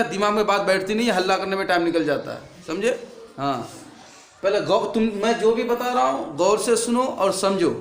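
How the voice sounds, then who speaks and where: A man's voice: high voice, reverberant. A man teaching a class, drilling letters through repeated question and answer and telling the pupils off for noise. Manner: repetitive call-and-response drilling. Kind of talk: classroom lesson.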